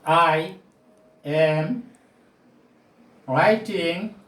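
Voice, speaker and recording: A non-native English speaker in his forties teaches grammar at a whiteboard in a small, bare-walled room, projecting deliberately, repeating key phrases and posing rhetorical questions. His voice is a little high and a bit bright. A camera or phone mic a few steps away picks up roomy echo.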